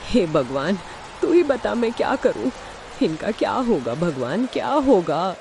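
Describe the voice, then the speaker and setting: A woman's voice: medium pitch, very animated, unhurried, creaky, a little mellow, a little hiss or hum. A woman voicing a wailing, despairing village wife. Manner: wailing appeals to God, tearful. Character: worried poor village wife, pleading to God.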